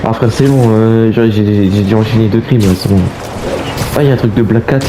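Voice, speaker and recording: A man's voice: lowish voice, fairly even intonation, a little fast, noisy background. A man giving casual, slangy Let's Play commentary in French, playfully reacting aloud as he plays. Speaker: gaming video creator. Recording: roomy echo, game music behind. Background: game music.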